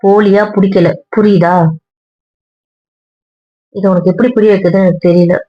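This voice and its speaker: A woman argues with her partner in a hurt, tired, lecturing tone, at a middle pitch. The recording sounds dull and lo-fi. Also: fairly even intonation, normal speed. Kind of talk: couple's argument vlog.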